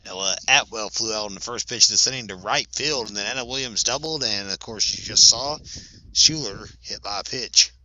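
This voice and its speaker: A man calling a high school softball game play-by-play, chatty and quick to correct himself. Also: rough recording. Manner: chatty, self-correcting, laughs at big plays. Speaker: play-by-play announcer. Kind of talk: sports commentary.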